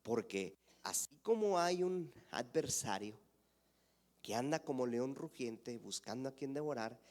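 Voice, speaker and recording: Preaching in a medium pitch, this male pastor questions his congregation directly, alternating forceful, raised delivery with quiet near-whispers.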